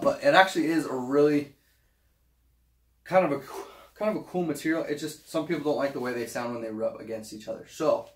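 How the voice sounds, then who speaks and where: A young man from Utah, a vlogger with a medium-pitched voice, chats casually to the camera from a small home office. He rambles through a try-on haul of gym clothes, full of fillers and restarts.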